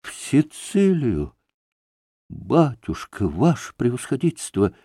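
A man's voice: medium pitch, big pitch swings, slow, mellow, slightly rough, no room sound, clean studio sound, exaggerated voice. A man voicing a desperate, poor staff captain who keeps pleading and breaking off his words. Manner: imploring, breaking off mid-plea.

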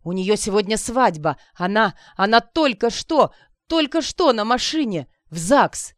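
A woman reading an audiobook voices a desperate young drunk man who shouts and shrieks in anger. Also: medium pitch, animated, a little slow, no room sound, studio quality, natural voice. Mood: furious. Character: young drunk man threatening to burn himself.

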